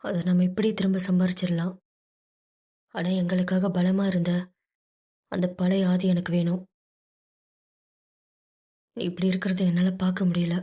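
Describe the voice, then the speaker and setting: A steady male friend speaks firmly, consoling his partner, voiced by a woman reading a story. The delivery is flat and even, with a mellow tone. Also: lowish voice, unhurried, pauses often, slightly rough. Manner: firm, consoling. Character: grown man, a firm and steady friend.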